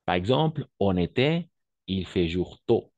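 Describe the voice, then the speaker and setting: A man teaches French over a video call, speaking slowly and patiently in a lowish voice. He keeps repeating examples and asking whether everyone agrees. The sound is dry and a little dull. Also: sing-song, a little mellow, no room sound. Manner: patient, repeats and checks understanding often. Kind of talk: online French lesson for Spanish speakers.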